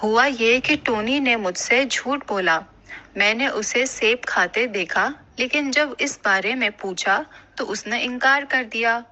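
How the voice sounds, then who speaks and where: A young female cartoon character worried about her friend, voiced by a woman. She speaks earnestly and with concern in a bright, slightly high voice. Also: rough recording. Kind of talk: animated cartoon voice acting.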